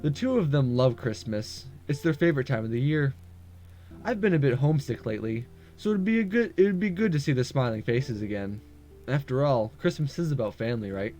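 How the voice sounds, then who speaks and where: A man with a medium-pitched, warm, expressive voice that sounds close to everyday speech reads a visual novel aloud a little fast over music. He voices a lonely, homesick university student, narrating in the first person in a polite, subdued, introspective way with a wistful mood.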